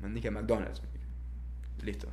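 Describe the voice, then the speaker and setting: A man's voice: on the low side, little pitch movement, takes it slowly, dark tone. A young man with a Panamanian accent, casually telling personal stories as a guest, with slang and English words mixed in. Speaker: interview guest.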